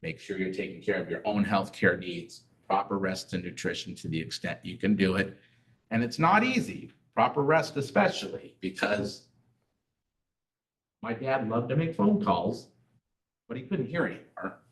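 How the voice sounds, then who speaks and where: A middle-aged man leads an informal community class, mixing rhetorical questions and personal anecdotes into his easygoing explanations. His lowish, slightly bright voice swings widely in pitch at a moderate pace, sounding far from the mic amid roomy echo.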